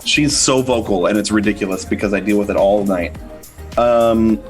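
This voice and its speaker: A man's voice: fairly low pitch, moderate pace, faint music behind. A man hosting a casual livestream chat, rambling with fillers and easy laughs. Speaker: host.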